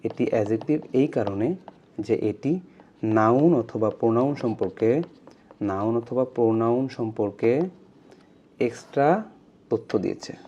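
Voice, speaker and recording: A man teaching an English grammar lesson, repeating key points, drawing out words slowly and asking his learners questions. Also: mid-range voice, mellow, lo-fi sound, a little hiss or hum.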